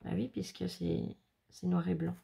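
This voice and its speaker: A woman's voice: lowish voice, steady tone, unhurried, gravelly, warm tone. A woman chatting casually as she unboxes handmade scrapbook albums, exclaiming and laughing often. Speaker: scrapbooking vlogger.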